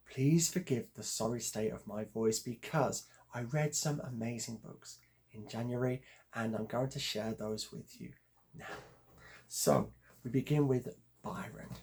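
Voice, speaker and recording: A man hosting a book channel, his voice hoarse and croaky from the flu, talking about his reading in a wry, leisurely way. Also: medium pitch, darkish tone. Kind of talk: casual book review.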